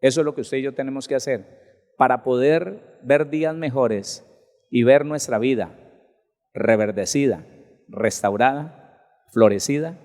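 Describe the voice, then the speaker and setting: A man's voice: a little slow, pauses often, in a large hall. A male pastor giving a conversational sermon at a Bible seminar, asking the congregation questions and acting out people's excuses. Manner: lively, rises in pitch and loudness for emphasis.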